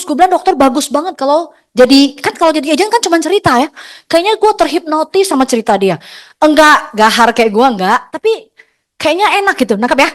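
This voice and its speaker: A middle-aged woman who leads an agency gives a lively, chatty motivational talk on stage, teasing her audience. Her voice sits high.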